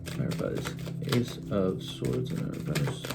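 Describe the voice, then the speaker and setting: A man's voice: fairly low pitch, sing-song, unhurried, gravelly. A man giving a casual tarot reading from a desk in his bedroom. He chats to viewers in a loose, rambling way, mutters to himself and swears when the cards won't cooperate. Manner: chatty, swears when frustrated, muttering asides. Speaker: tarot reader. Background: music playing on a TV.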